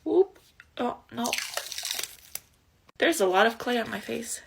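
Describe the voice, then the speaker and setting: A woman makeup vlogger chatting casually and playfully, with excited exclamations. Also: fairly high pitch, a little slow, creaky, background noise. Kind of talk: casual chat.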